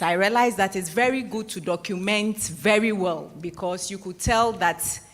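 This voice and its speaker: A medium-pitched Ghanaian woman in her forties closes out a lecture in a big hall as its moderator, recapping the talk formally and deliberately before the floor opens. Long reverb rings through the echoey venue.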